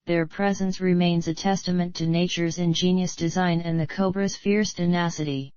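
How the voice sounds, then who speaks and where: A woman reads scripted nature documentary narration in a formal, measured manner. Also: lowish voice, fairly even intonation, darkish tone, clean tone, no room sound, muffled recording. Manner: formal, measured read-out delivery.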